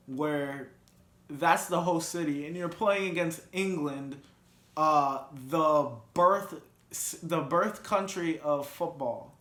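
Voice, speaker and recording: Vlog host, male, slow-talking, slightly high voice, rambles and restarts, roomy echo. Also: a bit bright. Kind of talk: casual sports and reality-show commentary.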